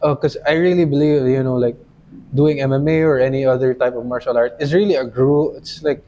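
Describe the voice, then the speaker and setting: Dark-voiced male podcast host, dull sound. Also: mid-range voice, steady tone, fairly quick. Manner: loose, filler-heavy, says "you know" and "dude". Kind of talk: casual podcast chat.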